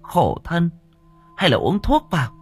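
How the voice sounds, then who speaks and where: A man voicing an old wife who fusses and scolds her husband with care, in a high nagging voice, in an audio story. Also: huge pitch swings, measured pace, slightly rough, soft background music, exaggerated voice. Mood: fussing. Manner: high-pitched nagging chatter. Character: old wife, fussy and scolding but caring.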